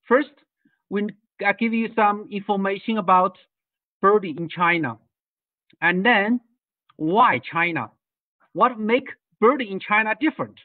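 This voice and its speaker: Over a thin-sounding video call, a guest speaker from Tibet lectures online about birding tours, his high voice picked up far from the microphone with no room sound. He stumbles often, restarting sentences and leaning on fillers.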